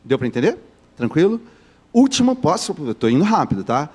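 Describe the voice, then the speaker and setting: A man's voice: on the high side, sing-song, a little fast, darkish tone, breathy edge. A man from Rio de Janeiro with a Carioca accent, teaching a live online class, joking and quizzing his students as he goes. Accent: Carioca Brazilian Portuguese. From Rio de Janeiro, Brazil.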